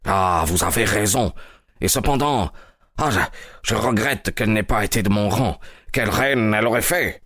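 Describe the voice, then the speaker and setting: A man voicing a proud, impatient king with an excited, insistent manner in an audiobook reading. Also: lowish voice, moderate pace, no echo, studio quality. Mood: agitated.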